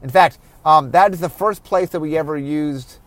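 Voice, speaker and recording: A tired man, a card game designer, explaining his work in a solo podcast, often correcting himself and pausing with fillers. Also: a little high, no echo. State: tired, yawning.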